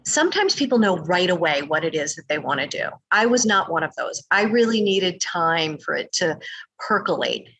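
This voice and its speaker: A woman's voice: lowish voice, very animated, moderate pace, a bit bright, slight background noise, low-quality recording. A woman sharing her own experience in a thoughtful, candid way. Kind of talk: personal testimony.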